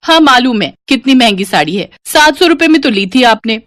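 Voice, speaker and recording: Cartoon storybook role: a woman doing a bubbly, cheeky young bride, bright and lively, dry close sound. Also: on the high side, a little fast, no echo, pitched above the performer's own voice. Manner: chirpy, cheeky. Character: playful young bride who loves saris.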